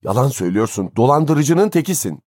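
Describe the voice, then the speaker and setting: A man's voice: fairly low pitch, very animated, a little fast, mellow, no echo, clean studio sound. A man voicing a shaken, outraged new father who keeps exclaiming in agitation. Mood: agitated.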